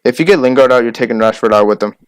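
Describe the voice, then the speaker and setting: A young man co-hosting a casual sports podcast, listing names quickly and arguing his picks. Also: mid-range voice, clean tone, no room sound. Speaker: podcast co-host.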